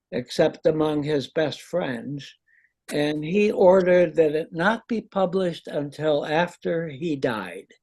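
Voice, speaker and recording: A man leading a seminar discussion, wry and halting, with many restarts. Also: fairly high pitch, darkish tone, slightly rough. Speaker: discussion leader.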